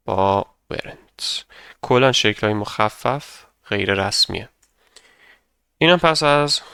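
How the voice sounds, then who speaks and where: A young male teacher walks through a grammar lesson patiently, step by step. His voice is bright and smooth, and he says example sentences slowly for students to repeat. The recording is dry and close to the mic. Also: on the low side, dry recording. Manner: patient, explains step by step, models English sentences slowly for repetition. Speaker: English teacher. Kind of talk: grammar lesson narration over slides.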